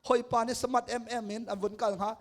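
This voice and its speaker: A man, a pastor, preaching a sermon at a crusade and swinging between loud and hushed delivery. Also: very high-pitched, level tone, very fast.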